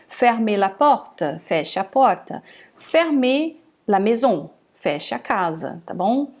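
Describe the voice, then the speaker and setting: A woman whose voice is fairly high and a little mellow teaches French phrases online. She pronounces each one carefully twice, slowly, and then explains what it means.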